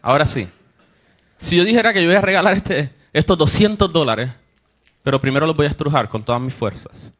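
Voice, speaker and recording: The young man's voice is on the high side and fairly bright, and he moves along fairly quickly. His sermon testimony is a story from his life, with the people in it voiced dramatically, rising emotionally as he preaches.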